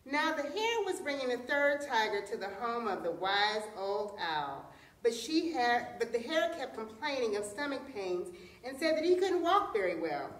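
Brief: woman storyteller, dramatic and high-ish voice, recorded far off in a roomy space. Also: moderate pace. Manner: expressive, dramatic. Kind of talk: folktale storytelling. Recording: echoey room, distant mic.

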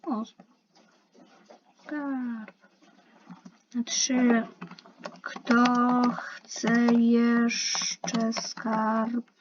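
A young woman with a fairly high, level voice speaks extremely slowly, leaving long pauses, as she plays an online game for her gaming channel. She complains and chats with herself and the other players, recorded on a dull lo-fi mic with faint hiss.

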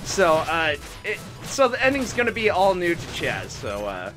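A man's voice: on the high side, huge pitch swings, normal speed, music in the background. A man hosting a let's play, chatting casually over gameplay, rambling and stammering and poking fun at himself. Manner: rambling, stammering, self-deprecating.

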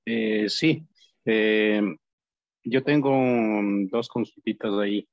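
A man's voice: on the low side, takes it slowly, dry recording. A male student asking hesitant questions in an online class, with many fillers. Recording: dull, dry call audio.

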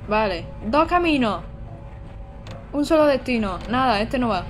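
A young woman from Almería, streaming a game live and chatting excitedly with her viewers. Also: on the high side, a little slow, soft background music. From Almería, Andalusia, Spain. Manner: chatty and excitable, talks to chat, exclaims often. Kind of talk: live-streamed gameplay commentary.

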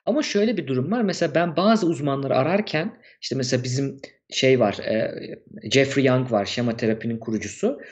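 A man's voice: medium pitch, a little fast. A man co-hosting a casual podcast, chatting loosely and reading out viewer messages. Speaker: co-host.

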